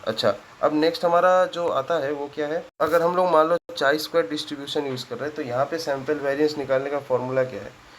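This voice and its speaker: Speaking fairly quickly in a slightly high, steady voice, a male statistics teacher talks through calculations out loud. "ठीक है?" comes up almost every step as he checks that his class is following. The recording quality is poor and has a faint hiss of noise.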